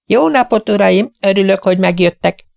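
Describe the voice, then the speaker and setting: A man's voice: gravelly, darkish tone, no room sound, studio quality. A man doing a gushing little old lady. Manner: gushing, sing-song, high falsetto. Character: cheerful tiny elderly lady, doting cat owner.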